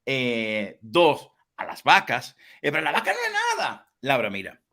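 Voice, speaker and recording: A man hosting a livestream interview, telling stories with animated energy. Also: a little slow. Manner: animated storyteller with lively swings in pitch. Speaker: host.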